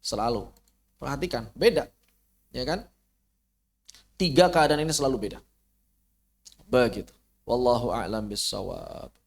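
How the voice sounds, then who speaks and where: A man's voice: mid-range voice, lively intonation, unhurried, vocal fry, pauses often. A man with an Indonesian accent teaching an online Quran recitation lesson. He drags out syllables to show how they sound and asks and answers his own questions. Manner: casual, mutters to himself while fixing slides.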